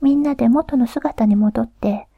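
Woman doing a formal, gentle bird-spirit lady of the house, breathy whisper, dry and close. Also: a little high, unhurried, no room sound, lo-fi sound. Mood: gently reproachful. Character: polite woman of the house, secretly a bush warbler spirit.

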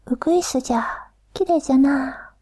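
Folk-tale man, rustic speech, whispered, dark soft tone, put on by a woman narrator. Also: sits high, normal speed, no room sound, lightly acted. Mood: musing. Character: simple old-fashioned man, easygoing and curious.

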